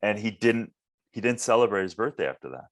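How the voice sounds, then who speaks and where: A man's voice: on the low side, expressive, a little fast. A man from Minnesota hosting a casual interview podcast, rambling and repeating words as he searches for what to say. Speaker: podcast host.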